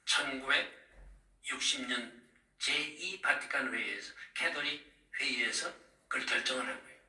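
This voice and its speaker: A man's voice: mid-range voice, measured pace. A middle-aged male pastor preaching, telling the story of his visions and calling out to the congregation. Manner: animated, calls out to the congregation. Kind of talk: sermon recounting visions. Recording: echoey room, distant mic.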